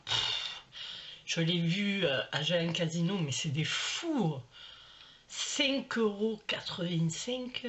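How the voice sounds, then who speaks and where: A middle-aged woman chatting casually to camera at home, rambling and full of fillers as she shows her shopping. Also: low-pitched. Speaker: vlogger showing a shopping haul. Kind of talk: casual haul chat to camera. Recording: slightly dull home recording with faint noise.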